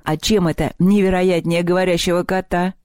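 A man voicing a calm, level-headed boy with a dry, philosophical manner in a storybook reading. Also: sits high, fairly quick, no echo, close to an everyday voice.

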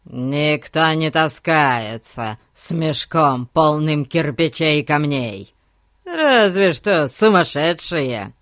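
A man voicing a large, threatening policeman who barks orders loudly. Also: a little high, expressive, slow pace, dry recording, clean studio sound. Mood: demanding. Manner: loud, commanding.

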